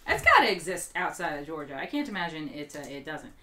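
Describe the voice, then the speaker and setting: A woman co-hosting a casual talk show, chatty and quick to laugh, her throat a little strained. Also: deep voice. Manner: chatty, laughs often, animated bursts. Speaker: podcast co-host. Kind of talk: casual chat.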